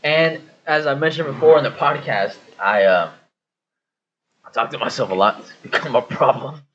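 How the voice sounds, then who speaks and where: A man's voice: mid-range voice, normal speed, a bit bright. A man co-hosting a podcast, telling a rambling story full of swearing in casual chat. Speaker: podcast co-host. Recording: dull audio with faint hiss.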